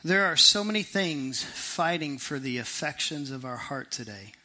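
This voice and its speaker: A middle-aged man preaches to a congregation in an animated, conversational style. His voice is strikingly bright and forceful, sitting a little high. He tosses off quick asides, then slows right down to stress a point. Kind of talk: sermon.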